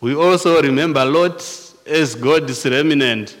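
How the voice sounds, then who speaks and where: A man with a Zimbabwean accent preaching a sermon, slow and deliberate, often restarting and repeating words as he goes. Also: on the high side, fairly bright tone, big-room sound. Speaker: pastor.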